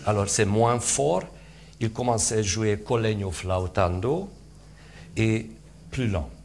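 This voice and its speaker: A man coaching string players in rehearsal, halting with fillers, switching between English and French and vocalizing sounds to demonstrate. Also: on the low side, a little mellow, slight background noise. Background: string instruments playing.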